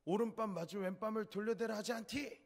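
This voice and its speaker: A preacher doing a taunting drunk brawler. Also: male voice, sits high, fairly even intonation, brisk, creaky, in a large hall, pitched above the performer's own voice. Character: belligerent drunk middle-aged man.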